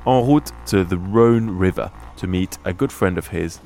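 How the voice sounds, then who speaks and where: A man's voice: low voice, moderate pace, warm tone, slight background noise. A man hosting a travel show, describing places outdoors with enthusiastic, vivid narration. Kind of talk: travel presenting.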